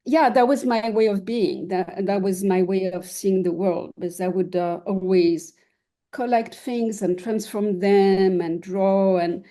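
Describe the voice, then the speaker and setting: An older woman artist, from Switzerland and France, answers interview questions in a reflective, casual way. Her mid-range voice is mellow, and she speaks haltingly, searching for words.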